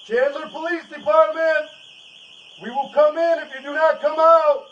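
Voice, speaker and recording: A police officer, a man, shouting repeated loud commands through a megaphone. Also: very high voice, steady tone, normal speed, recorded from a distance, dull audio, slight background noise.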